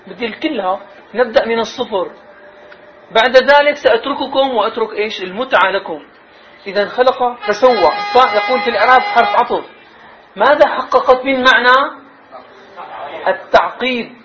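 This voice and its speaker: A man teaching Arabic grammar and rhetoric in a classroom. He poses questions to his students and stretches out key words for emphasis. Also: very high-pitched. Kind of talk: classroom lesson. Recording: slightly dull sound, faint noise.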